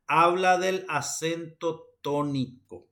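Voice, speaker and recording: A man's voice: on the high side, fairly even intonation, slow pace, fairly bright tone. Male teacher lecturing. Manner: explains by mixing Spanish and Guaraní, with many repeated fillers. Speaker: Guaraní language teacher. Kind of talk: classroom lecture. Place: university classroom.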